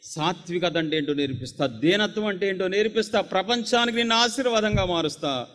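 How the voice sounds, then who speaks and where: A man's voice: high-pitched, lively intonation, brisk, a bit bright, voice pushed up. God pleading with his children, voiced by a male preacher. Raised, tender and repetitive, in a ringing hall.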